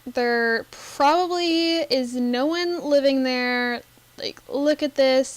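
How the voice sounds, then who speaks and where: A woman giving casual, rambling commentary over a life-simulation game, giggling often and filling pauses with ums. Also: high-pitched, clear, resonant tone, no room sound, low-quality recording. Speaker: Sims gameplay narrator.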